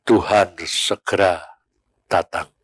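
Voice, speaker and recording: Older man, evangelist preacher, slow unhurried delivery, animated storytelling. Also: low voice, no echo. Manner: animated storytelling, acting out quoted voices. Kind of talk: sermon with storytelling.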